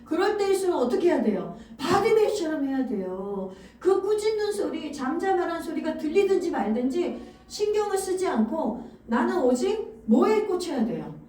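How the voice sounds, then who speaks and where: A woman's voice: very high voice, big pitch swings, moderate pace, few pauses, dark tone. A middle-aged woman pastor preaching a fervent sermon, firing rhetorical questions at her congregation. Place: church sanctuary. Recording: echoey hall, voice from a distance.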